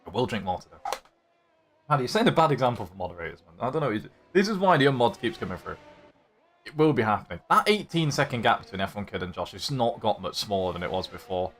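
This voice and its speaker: Chatty young man, lively pitch. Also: fast. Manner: chatty, jokey, teasing banter with viewers. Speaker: league host and commentator. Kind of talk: live-streamed racing commentary, chatting with chat.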